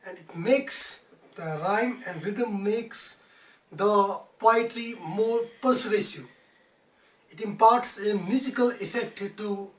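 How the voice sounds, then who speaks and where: A woman teaching English poetry in a methodical lecture, restating each point in simple words. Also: mid-range voice. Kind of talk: explanatory classroom lecture. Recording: roomy sound from a distance.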